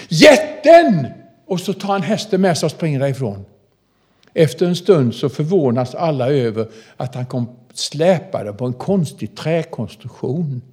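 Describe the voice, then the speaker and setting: Older man, prison minister, storytelling sermon, folksy, animated, middle-pitched voice. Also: slightly rough. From southern Småland, Sweden. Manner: folksy, animated, addresses listeners directly.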